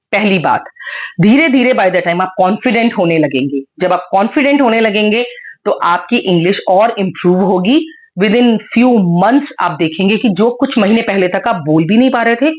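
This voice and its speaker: A woman teaching beginner English in an encouraging, coaxing way, repeating simple examples. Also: mid-range voice. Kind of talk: encouraging spoken lesson.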